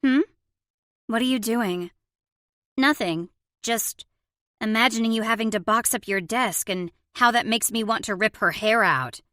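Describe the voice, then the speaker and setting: A woman's voice: on the high side, a little slow, long pauses, bright, forceful tone, dry recording, studio quality. A woman voicing a fiery, protective young mother in an audiobook, brash and outspoken. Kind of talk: audiobook character voice.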